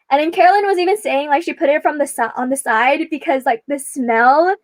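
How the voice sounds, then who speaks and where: Young woman host, high voice, dry close sound, giggly chatty livestream. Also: normal speed, dry recording, rough recording. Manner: giggly, chatty, frequent laughter. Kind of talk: casual livestream chat.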